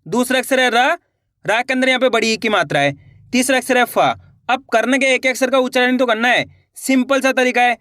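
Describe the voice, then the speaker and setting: A man's voice: very high-pitched, brisk, sharp tone, dry recording, clean studio sound. A man teaching a reading lesson, spelling out words letter by letter and drawing out the long vowels as he addresses viewers as friends.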